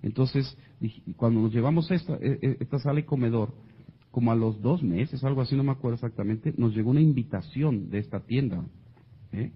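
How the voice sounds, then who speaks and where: A man's voice: mid-range voice, brisk, husky, muffled recording. A man with a Mexican accent telling a comic personal story to an audience, acting out the voices of the people in it. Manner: animated, acts out quoted voices.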